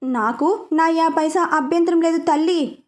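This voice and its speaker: A man's voice: very high-pitched, unhurried. A woman voicing a blunt young man who drives and teases with dry remarks in a storybook reading. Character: blunt young male driver, teasing brother figure.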